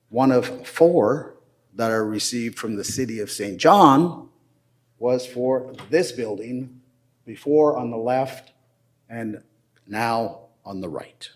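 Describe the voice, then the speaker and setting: An older man addressing a city council, presenting his case formally with slow, deliberate emphasis. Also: mid-range voice, lively intonation.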